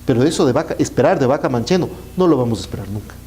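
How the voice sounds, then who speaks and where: Male Ecuadorian politician as interview guest, mellow but emphatic, animated intonation. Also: mid-range voice, rapid-fire. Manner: emphatic, enumerates his points.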